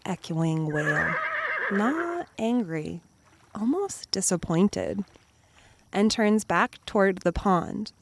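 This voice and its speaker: A woman narrating a children's campfire story, soothing and slow, with whispered parts and call-and-response. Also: fairly low pitch, very noisy.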